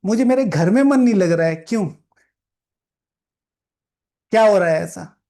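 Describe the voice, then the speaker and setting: Male spiritual teacher with a fairly high voice, unpacking a scripture passage in a reflective, repetitive way, English words mixed in. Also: lively intonation, a little slow, gravelly, mellow. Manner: repeats key phrases for emphasis; mixes English words into Hindi. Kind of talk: explaining a scripture reading.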